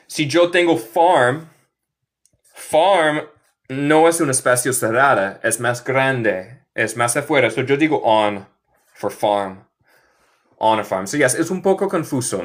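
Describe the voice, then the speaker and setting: A man from Michigan teaching English in Spanish on a live stream, drilling phrases slowly and mixing both languages. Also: mid-range voice, expressive. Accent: American English speaking Spanish. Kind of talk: live online English lesson for Spanish speakers.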